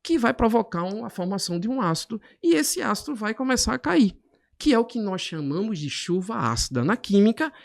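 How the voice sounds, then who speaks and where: Man in his middle years, a chemistry teacher and podcast guest, tells classroom stories with real animation. His pitch swings widely, rising and dropping as he acts out each scene. The talk moves like an unscripted conversation. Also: big pitch swings, fairly quick, creaky.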